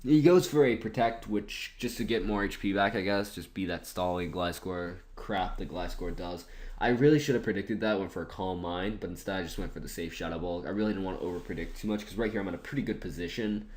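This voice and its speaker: A man's voice: sits low, fairly quick, a little mellow. A man giving casual commentary over an online game battle, thinking aloud in a chatty, self-mocking way. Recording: roomy echoey room.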